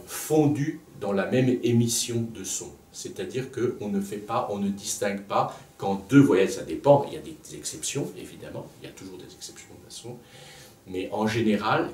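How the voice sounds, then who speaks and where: A man teaching a music lesson, explaining slowly with frequent pauses and restarts. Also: fairly low pitch, a little mellow, recorded from a distance, a little hiss or hum. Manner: halting, with many restarts and filler sounds. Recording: echoey room, speaker off-mic.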